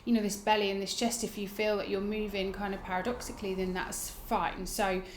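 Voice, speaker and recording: A woman teaching a yoga breathing technique, explaining it informally and guiding gently with soft phrase endings. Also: medium pitch, level tone, fairly quick, a little hiss or hum. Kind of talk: instructional demonstration, casual explaining. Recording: roomy, echoing indoor sound.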